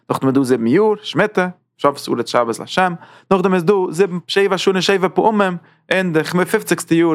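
A man's voice: a little high, no echo, clean studio sound. A man giving a spoken Torah lecture who often restarts and repeats phrases as he explains. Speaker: Torah teacher.

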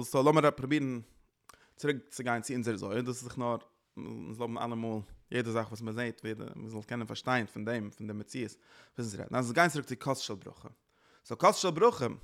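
Gravelly-voiced man giving a religious lecture. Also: mid-range voice, a bit bright.

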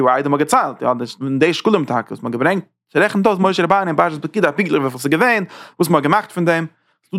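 A man teaching a Torah class in a lively lecture style, talking with sudden leaps in pitch.

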